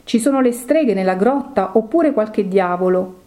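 A woman voicing an angry, frightened middle-aged father who shouts in alarm and distrusts priests. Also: mid-range voice, animated, normal speed, natural voice. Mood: suspicious.

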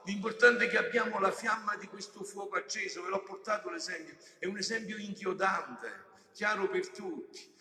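Male friar delivering a sermon, bright, cutting tone, emphatic, talks straight to the pews, echoey church. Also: high-pitched. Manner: emphatic, swings between loud exhortation and hushed explanation; addresses the congregation directly with questions. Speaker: friar preaching a homily. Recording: echoey church with long reverb.

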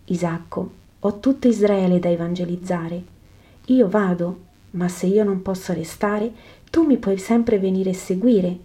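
A calm male teacher speaks softly and patiently, slow and tender, voiced by a woman narrator. The tone is mellow and low-key, as if reading from a devotional book. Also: close to an everyday voice. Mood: gentle, solemn. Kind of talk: scripted reading of a religious narrative.

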